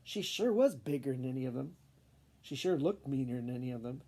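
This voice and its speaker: A man reads a children's picture book aloud in an expressive storytelling style. His voice is medium-pitched and brisk.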